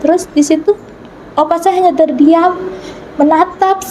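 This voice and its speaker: High-voiced woman telling an earnest story. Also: steady tone, a little slow, warm tone, slight background noise, poor audio. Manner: earnest storytelling, acting out quoted dialogue. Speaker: guest recounting a vision. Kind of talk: personal testimony in an interview.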